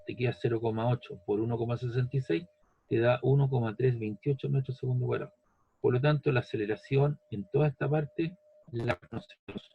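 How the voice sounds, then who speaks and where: Gravelly-voiced man teaching physics patiently. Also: mid-range voice, brisk, muffled recording. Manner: patient, repeats steps, asks "¿ves?" and "¿cierto?". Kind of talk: step-by-step lesson.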